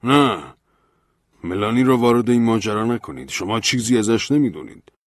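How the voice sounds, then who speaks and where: Low-voiced male narrator as a proud, bitter man; storybook reading. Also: no room sound, clean studio sound. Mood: defiant. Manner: bitter, defiant. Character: proud embittered grieving man, defiant.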